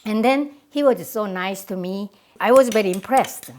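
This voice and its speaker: A woman's voice: mid-range voice, normal speed, a little mellow, slight background noise. A middle-aged woman from Korea with a Korean accent, chatting enthusiastically as she demonstrates a recipe in her home kitchen. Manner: chatty, enthusiastic, simple phrasing. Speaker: cooking show host. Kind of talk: cooking demonstration.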